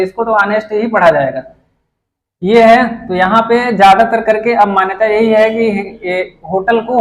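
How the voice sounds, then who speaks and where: A man's voice: high voice, low-quality recording. A man teaching English grammar in Hindi-language lessons, explaining step by step and answering his own questions as he goes.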